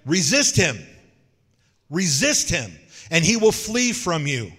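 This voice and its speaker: A man's voice: fairly high pitch, takes it slowly, slightly rough. Folksy man preaching in a reverberant hall. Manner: folksy, joking, animated storytelling. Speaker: pastor. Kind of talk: sermon.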